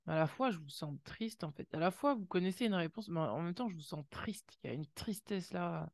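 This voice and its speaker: This is a woman reading intuitive oracle cards in a lowish, expressive voice at a fairly quick pace. Speaking directly and warmly to her viewers, she keeps exclaiming, gasping "wow" and adding little sound effects.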